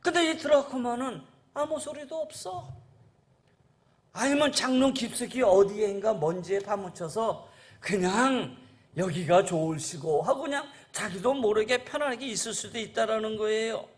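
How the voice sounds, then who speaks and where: A man's voice: sits high, normal speed. A male pastor preaching a sermon to his congregation, earnest and repetitive, often calling out to the listeners and reading scripture aloud. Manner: earnest preaching, repeats "라는 거예요" endings; addresses the congregation as "여러분".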